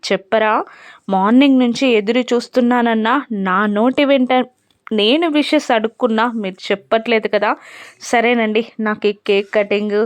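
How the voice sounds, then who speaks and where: A woman's voice: a little high, steady tone, normal speed, dry recording, natural voice. A woman voicing a young husband who begs and coaxes his wife playfully, read in a recap of a television serial. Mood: pleading, eager. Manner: coaxing, begging tone.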